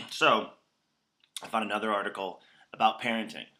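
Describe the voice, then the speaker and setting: Guy vlogging, kinda low pitched but super bright and forceful, lots of ums and restarts. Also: moderate pace. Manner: rambling with many fillers and restarts; animated, voice rising when acting out examples. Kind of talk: casual talking-head vlog.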